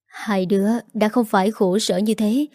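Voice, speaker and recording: A woman's voice: medium pitch, fairly even intonation, moderate pace, warm tone, no echo, studio quality, natural voice. A woman voicing a remorseful grandmother near seventy who pleads her apologies through tears. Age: older.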